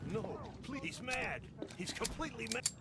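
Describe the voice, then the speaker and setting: A man's voice: very high voice, animated, very slow, in a whisper, heavily acted. An actor playing a rattled, defensive man in a video game, agitated and blustering. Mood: frightened, pleading. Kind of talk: video game character dialogue.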